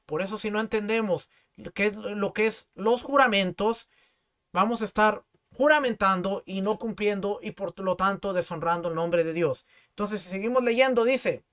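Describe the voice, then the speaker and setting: A man's voice: high-pitched, fairly bright tone. A male pastor giving a teaching sermon, reading scripture aloud and explaining it, often repeating words as he finds his place. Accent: Mexican Spanish.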